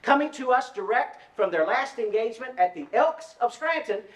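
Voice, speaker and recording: A man's voice: very high-pitched, lively intonation, moderate pace, reverberant. An actor playing a folksy male lodge emcee welcoming members and announcing the evening's entertainment. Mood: hearty. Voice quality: folksy, showman-like. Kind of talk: radio drama acting.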